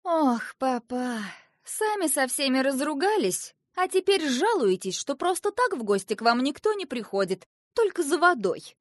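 A woman voicing a cold, sharp-tongued young river princess who scolds her father, as an audiobook character. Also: high voice, big pitch swings, normal speed, dry recording, studio quality, voice pushed up. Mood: reproachful. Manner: reproachful, coolly mocking.

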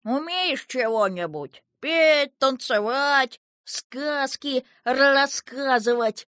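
A woman's voice: sits high, drawn-out words, dry recording, studio quality, voice pushed up, full character voice. Woman voicing a grumpy old river king. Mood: gruff. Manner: gruff, grumbling, shouting when angry. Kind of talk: audiobook character voice.

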